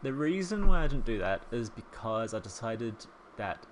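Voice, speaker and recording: With a soft New Zealand accent worn down by years in England, a thirtysomething man chats through his voice-over as he builds a house in a life-sim game for his Sims speed-build videos. His mid-range delivery is sing-song and moderately paced, rambling and self-deprecating, peppered with ums and small laughs. A faint hiss or hum runs underneath.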